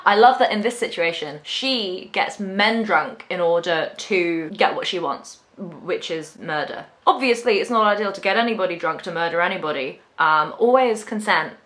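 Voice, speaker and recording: A young British vlogger presents a creative challenge, talking casually to camera in a playful, informal way and often thinking aloud. Her voice is fairly low-pitched and fairly bright, animated, at a moderate pace with hardly any pauses.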